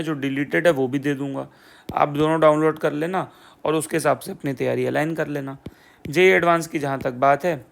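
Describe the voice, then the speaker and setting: Sarcastic and relaxed, a young exam coach explains what's changed in the syllabus using a gravelly, fairly high-pitched voice. He leans on the same lines repeatedly, like "theek hai bhai" and "poora poora."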